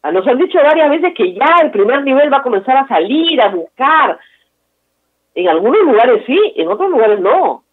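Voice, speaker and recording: A woman's voice: high voice, very animated, moderate pace, breathy edge. Emphatic woman commentator on a tinny phone line. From Peru. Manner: emphatic, repeats key words for stress. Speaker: political talk show host. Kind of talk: opinionated commentary on a call.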